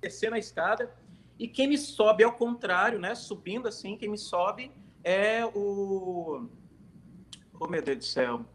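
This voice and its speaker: A man's voice: high voice, animated, unhurried. A man sharing a personal religious testimony on a phone livestream, telling it in a hesitant way with many restarts. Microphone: phone during a livestream.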